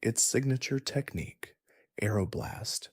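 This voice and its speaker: A man narrating a soothing sleep story in a hushed, half-whispered, unhurried way. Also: mid-range voice, no room sound, clean studio sound.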